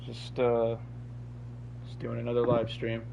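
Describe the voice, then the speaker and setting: A man's voice: mid-range voice, measured pace, gravelly. A man who is sick, chatting casually to his live stream viewers in a rambling way, with lots of fillers. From Canada. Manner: rambling, filler-heavy, talks to chat. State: sick, voice cracking. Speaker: livestreamer. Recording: dull lo-fi mic with steady hum.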